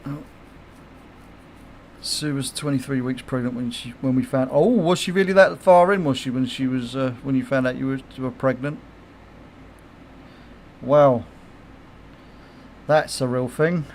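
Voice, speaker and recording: A middle-aged man chats loosely while livestreaming a game from home, swearing freely, laughing a lot and answering viewers' comments. His mid-pitched, darkish voice moves at a measured pace with frequent pauses, and a faint hiss sits behind it.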